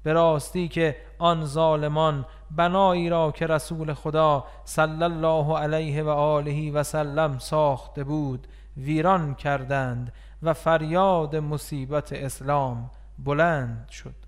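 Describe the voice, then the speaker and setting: Smooth-voiced man reading solemnly. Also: on the high side, level tone. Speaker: religious text reader.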